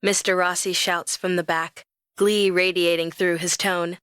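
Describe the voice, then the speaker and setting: A young adult woman narrating a first-person romance audiobook in a lively, expressive storytelling manner. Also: fairly low pitch, a little slow, smooth, dry recording.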